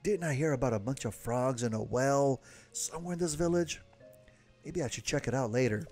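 A man's voice: mid-range voice, brisk, darkish tone, faint music behind, natural voice. A man reading game dialogue aloud, voicing a lovesick, nervous young male village guard who keeps blurting things and covering them up. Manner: flustered, blurting then covering up.

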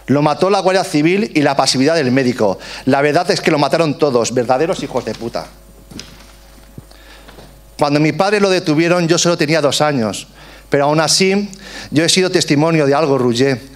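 A man in his forties reading a prepared, emphatic testimony aloud at a book presentation. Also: a little high. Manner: earnest, emphatic, slogan-like closing.

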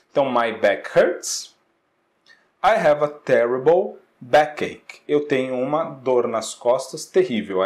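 Lively Brazilian man teaching English. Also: medium pitch. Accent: Brazilian Portuguese. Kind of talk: classroom-style lesson correcting exercises.

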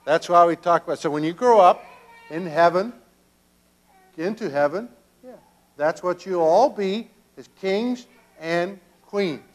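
Slow-talking older pastor with children. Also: male voice, sits high, lively intonation. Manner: gentle questioning of children, slow and halting. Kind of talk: children's sermon. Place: church sanctuary, children seated around him.

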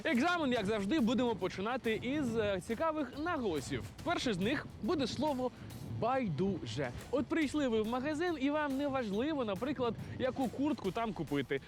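A man working as a TV street reporter, playfully quizzing people in a lively voice-over. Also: very high voice, a little fast, music in the background. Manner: playful, teasing quizmaster.

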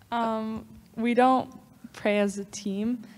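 A teenage girl, a high school basketball player, giving brief, soft-spoken answers on a handheld mic in a large sanctuary. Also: fairly even intonation, drawn-out words. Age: teens. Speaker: student athlete. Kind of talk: interview answer. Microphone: handheld microphone. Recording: long hall reverb.

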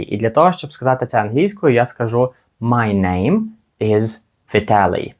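A man teaching children simple English words slowly, encouraging them and pausing so they can repeat. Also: mid-range voice, a little mellow. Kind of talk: slow, clear language lesson for kids.

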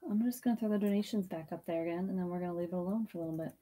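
Rapid-fire and warm, a woman in her thirties with a lowish voice co-hosts an online auction over a webcam. Her livestream chat is casual, chatty, and giggly as she checks messages indoors in a small tiki-decorated room.

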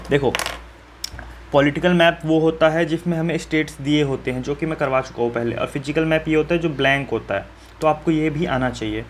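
A man's voice: on the high side, a little hiss or hum. A man teaching students step by step how to fill in a map, in a friendly and reassuring way, often asking viewers questions. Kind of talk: map-filling lesson for school students.

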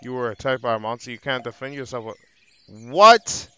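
A man's voice: mid-range voice, level tone, quick pace, a bit bright, clear, resonant tone. A man doing casual, slangy game commentary, joking, swearing and repeating his phrases. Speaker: gaming streamer narrating playthrough. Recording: game music behind voice.

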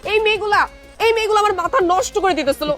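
A woman's voice: very high voice, fast, fairly bright tone, soft background music. A snappish, impatient young woman. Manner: snappish, demanding. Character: impatient young woman scolding the man over a promised flat. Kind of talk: TV comedy drama acting.

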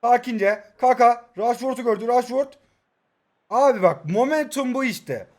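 A young man talks through his mobile football match as he plays it. His voice sits high, and he swings between loud outbursts at his players and quiet muttered asides. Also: unhurried. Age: 20s. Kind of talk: live gameplay commentary.

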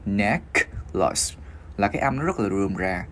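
A man with a Vietnamese accent giving a pronunciation lesson, slowly spelling out and modeling English words syllable by syllable. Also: fairly low pitch, expressive, slight background noise.

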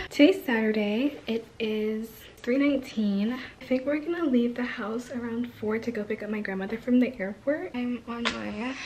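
Her voice is fairly high, with slight background noise in the clip. The teen vlogger chats casually with viewers in a day-in-the-life video, moving between her bedroom and kitchen, frequently whispering into a handheld camera held near her face.

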